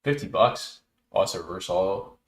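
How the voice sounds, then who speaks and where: Lowish voiced guy on a livestream, chatty, mumbling to himself, little oohs and wows. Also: expressive, normal speed. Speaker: host. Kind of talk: casual livestream chat while sorting cards.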